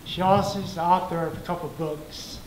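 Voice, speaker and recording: Man, soft and halting, introducing a guest, roomy hall, audible noise. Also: sits high, fairly even intonation. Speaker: speaker introducing a guest at a forum. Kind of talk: informal introduction. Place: community forum hall.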